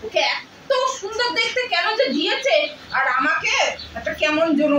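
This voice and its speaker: A woman's voice: very high voice, lively intonation, moderate pace. A young woman playing a spoiled, jealous younger daughter who whines and schemes. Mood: scheming. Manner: whiny, scheming. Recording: roomy room, mic far off, faint noise.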